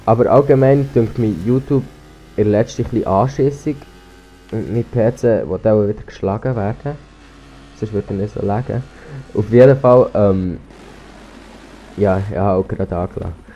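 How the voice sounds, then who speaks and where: With a lowish, mellow voice, a moderate pace and long pauses, a teenage boy from Switzerland rambles over his gameplay as a gaming YouTuber. He speaks with a Swiss German accent, has a slight cold, and hesitates with many restarts and ums. His cheap gaming headset yields dull audio with slight background noise.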